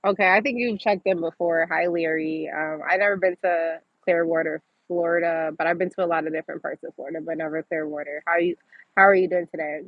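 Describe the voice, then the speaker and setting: Speaking fast in a low, steady voice, this Massachusetts woman chats her way through viewer comments on a casual livestream, laughing often. The recording is dry, with the highs cut off.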